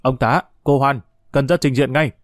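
A man voicing an irritable young company commander who gives brisk orders, in an audiobook. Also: medium pitch, fairly even intonation, no echo, studio quality, lightly acted. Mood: commanding.

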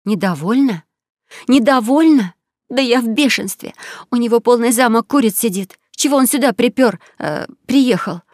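Reader plays a sly storybook countess: indignant, quick to hiss, crisp dry recording. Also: medium pitch, steady tone, dry recording, lightly acted. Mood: furious. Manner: indignant outbursts, then hushed hissing. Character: young countess, fiery and sly. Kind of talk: audiobook character voice.

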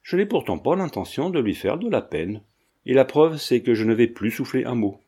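A man's voice: medium pitch, very animated, moderate pace, mellow, husky. A man reading the lines of a talkative, blunt old landlady in an audiobook, insistent and familiar in her speech.

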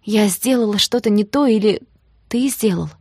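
A woman reading an audiobook and voicing a heartbroken young woman who pleads and cries out, her voice husky and gravelly. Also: medium pitch, measured pace, bright, forceful tone, no room sound, clean studio sound, pitched above the performer's own voice, full character voice. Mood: pleading. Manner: pleading, rising to distraught cries.

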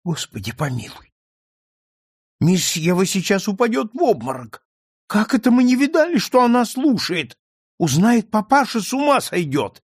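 A man voicing an excitable female cook who exclaims loudly and quickly. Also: breathy edge, dry recording, studio quality. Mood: flustered. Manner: shrill, exclamatory.

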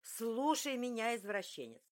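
A woman voicing a hot-tempered young heroine who screeches with shrill indignation. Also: big pitch swings, measured pace. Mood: furious, screeching.

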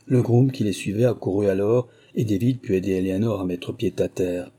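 Male audiobook narrator, deep-set dark timbre, measured literary read. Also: steady tone, husky.

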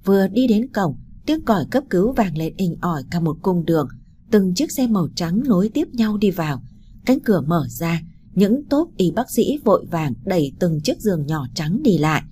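Woman narrating a story in a dark voice. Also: big pitch swings, moderate pace, slight background noise. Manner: emotional, voices dialogue with raised pitch. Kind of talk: first-person story narration.

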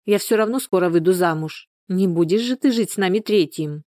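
The audiobook narrator voicing a scornful, sharp-tongued young woman from a village who scolds in short bursts. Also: mid-range voice, fairly quick, dry recording, clean studio sound, lightly acted. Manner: snapping, scolding.

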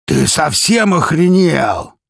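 Man voicing a crude gang boss, angry, threatening, husky, loud. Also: lowish voice, expressive, moderate pace, no room sound, clean studio sound, exaggerated voice.

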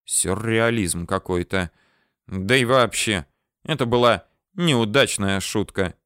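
A man's voice: on the low side, takes it slowly, a bit bright, no room sound, clean studio sound. A man narrating a first-person audiobook in a wry, ironic, matter-of-fact way.

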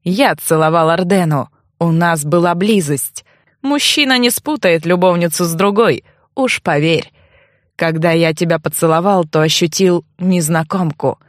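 A woman's voice: lowish voice, unhurried, no echo, studio quality, pitched below the performer's own voice, natural voice. A woman voicing a smug young man who mocks and blackmails the heroine in a sly, taunting way.

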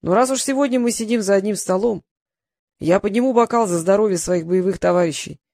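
A woman's voice: mid-range voice, brisk, warm tone, no echo, natural voice. A grim knight-mage from a fantasy storybook, voiced by a woman. He speaks formally and ominously, a toast that sounds like a warning. Dry and close.

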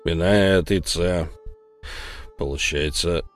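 A man voicing a hot-tempered, burly enforcer who barks slow, heavy orders. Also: deep voice, soft background music, voice pushed down. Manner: angry, slow and commanding.

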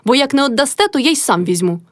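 A woman's voice: high voice, lively intonation, fast talker, no echo, studio quality, pitched above the performer's own voice. A woman voicing a hot-headed young peasant man making blunt threats in a storybook reading. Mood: blunt demanding.

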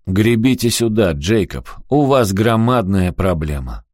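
A man reading an audiobook and voicing a jeering, menacing young male thug who taunts and shouts threats. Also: lowish voice, animated, measured pace, no room sound, studio quality. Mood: jeering, threatening.

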